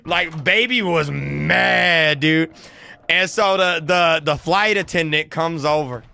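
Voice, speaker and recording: A man telling a story in an animated, casual way, excitable and slangy with lots of restarts. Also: a little high, takes it slowly, gravelly, clean tone.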